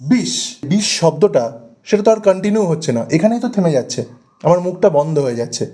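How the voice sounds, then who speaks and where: Mellow-voiced man teaching grammar slowly. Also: sits high, sing-song. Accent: West Bengal Bengali. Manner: slow, deliberate, repeats and stretches example words. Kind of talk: exam-prep grammar lesson.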